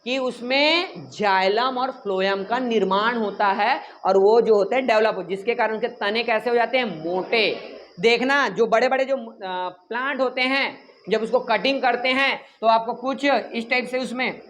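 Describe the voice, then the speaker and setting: A man teaches a class in an animated, joking way, quizzing and teasing his students and snapping at the chatty ones. He sounds like a lively classroom lecture. Faint noise sits under his voice. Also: very high voice, normal speed.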